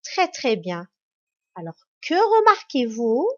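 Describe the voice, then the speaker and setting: Female schoolteacher, very unhurried and high-pitched, patient encouraging classroom read. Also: huge pitch swings, a bit bright. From Morocco. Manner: slow, spelled-out, encouraging classroom delivery. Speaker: primary school teacher. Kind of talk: grammar lesson for children. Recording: dull lo-fi recording.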